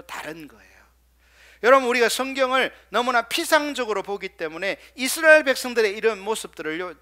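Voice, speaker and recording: A male pastor preaching a sermon, firing rhetorical questions at the congregation and dropping into soft, quiet asides. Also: high-pitched.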